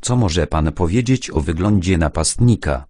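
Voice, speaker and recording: A man's voice: low-pitched, lively intonation, moderate pace, mellow, no echo, studio quality. A man voicing a bored, pedantic police officer who talks down to a witness about procedure in an audiobook. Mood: condescending. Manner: condescending, insisting on procedure.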